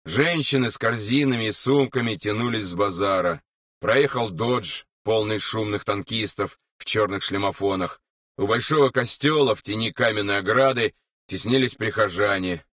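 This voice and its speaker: A man reading an audiobook in a measured, unhurried way. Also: on the low side, a bit bright, no echo, clean studio sound, distant mic. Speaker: narrator. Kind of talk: audiobook narration.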